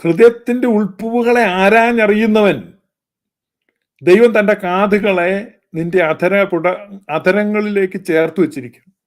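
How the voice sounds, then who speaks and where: Fervent high-voiced preacher man. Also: fairly even intonation, slow pace. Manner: fervent, scolding, mocking, with pointed repetition. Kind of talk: sermon-style critique.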